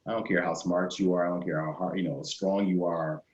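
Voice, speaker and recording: A man's voice: sits low, steady tone, a little fast. A male host interviewing a guest over a video call, asking long meandering questions. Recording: roomy, muffled video-call audio.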